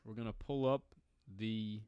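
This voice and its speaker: A man's voice: on the low side, fairly even intonation, measured pace, darkish tone, clean tone, no echo, lo-fi sound. A man co-hosting a soccer podcast, chatting casually and swearing freely. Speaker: podcast co-host. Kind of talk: casual chat.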